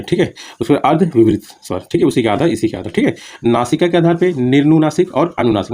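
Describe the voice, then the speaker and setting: A man's voice: mid-range voice, mellow. A man teaching Hindi grammar for exam preparation, explaining terms plainly with repeated examples and often checking in with his students. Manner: talks fast, keeps saying "ठीक है" and "दोस्तों". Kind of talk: exam-prep grammar lecture.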